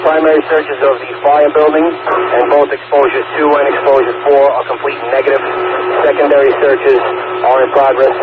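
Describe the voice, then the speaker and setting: A man's voice: mid-range voice, level tone, moderate pace, long pauses. A man, a fire officer giving terse, procedural reports over two-way radio. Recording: very noisy, distant, tinny radio transmission.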